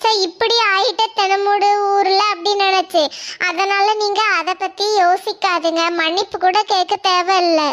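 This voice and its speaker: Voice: very high-pitched, fairly even intonation, moderate pace, fairly bright tone. A voice actor playing a caring village mother in a cartoon, reassuring and fussing over others.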